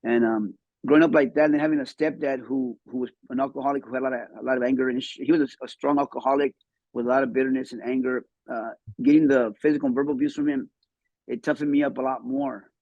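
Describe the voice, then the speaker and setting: A man's voice: mid-range voice, fairly even intonation, a little mellow, no room sound, lo-fi sound. A man in his fifties who grew up in Mexico, telling his life story as a podcast guest in a casual, repetitive way. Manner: fast, repeats words as he talks.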